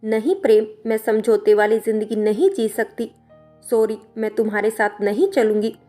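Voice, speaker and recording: A woman voicing a headstrong young wife who shouts and argues defiantly. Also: a little high, moderate pace, soft background music, natural voice. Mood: cold refusal.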